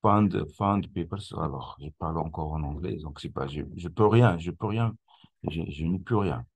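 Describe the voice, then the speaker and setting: A man presenting a screen-recorded software tutorial, explaining step by step with many hesitations and restarts. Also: deep voice, normal speed, breathy edge. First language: not English; speaks French.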